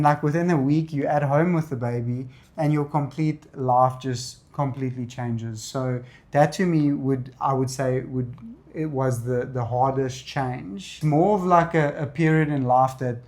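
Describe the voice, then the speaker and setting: A man's voice: mid-range voice, unhurried, hardly any pauses, a little mellow. A South African man, a native Afrikaans speaker with an Afrikaans accent, chatting casually in a Q&A. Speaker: content creator. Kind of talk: casual Q&A chat.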